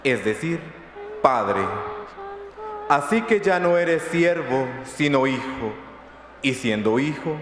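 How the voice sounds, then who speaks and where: Slow male lector in echoing church. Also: a little high, animated, a bit bright. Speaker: lector at Mass. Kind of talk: solemn scripture reading. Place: large church. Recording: echoey church, long reverb, faint noise.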